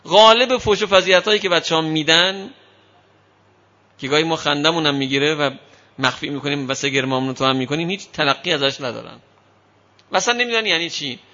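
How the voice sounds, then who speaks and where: A man with a fairly high, bright voice gives a parenting talk to an audience. He tells his points as lively stories and slips into quoted parents and children. The recording is dull and lo-fi. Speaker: parenting lecturer. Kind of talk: speaking to an audience on child upbringing.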